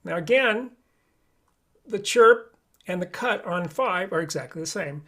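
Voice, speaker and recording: A man's voice: high voice, lively intonation, measured pace, pushed and bright, faint music behind. A man teaching a live online flute lesson, explaining each step patiently.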